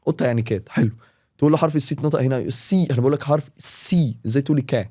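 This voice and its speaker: A man with an Egyptian Arabic accent, a teacher talking in a casual podcast and explaining with quick, animated examples. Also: on the high side. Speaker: English teacher, podcast guest.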